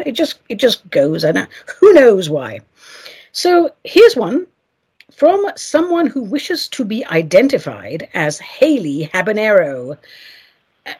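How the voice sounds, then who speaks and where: A woman's voice: on the high side, darkish tone, husky. A middle-aged woman hosting a solo podcast, reading listener mail with playful, theatrical asides. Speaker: podcast host.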